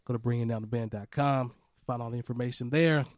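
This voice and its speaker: A man hosting a podcast in casual chat, a little hoarse from allergies, laid-back and laughing often. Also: mid-range voice, fairly even intonation, quick pace, darkish tone, dry recording, studio quality. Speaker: podcast host.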